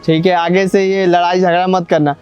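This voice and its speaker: A man's voice: high voice, level tone, normal speed, a little mellow, highs cut off, faint music behind, natural voice. A man playing an irritable overworked husband. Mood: softened. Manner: curt, exasperated. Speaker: actor in a comedy skit.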